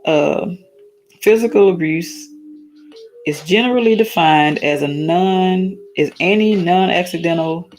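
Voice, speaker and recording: A woman's voice: fairly low pitch, a little slow, darkish tone, faint music behind. A tired woman with a slightly worn voice hosts a casual solo talk. She speaks earnestly, halts and restarts, and reads definitions aloud. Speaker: talk stream host.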